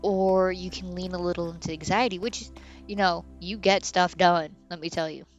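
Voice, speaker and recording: A woman's voice: fairly low pitch, steady tone, normal speed, muffled recording, soft background music. A woman in her thirties streaming a game, chatting candidly and rambling with many fillers. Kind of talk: casual chat while streaming a game.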